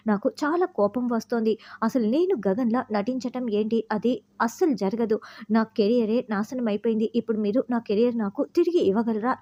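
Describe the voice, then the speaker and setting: A woman voicing a frustrated young man who shouts bitterly. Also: on the high side, highs cut off, close to an everyday voice.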